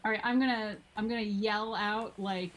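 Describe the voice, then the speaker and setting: A woman talking casually as a player in a tabletop game, halting and restarting her sentences. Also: medium pitch, steady tone, a little hiss or hum.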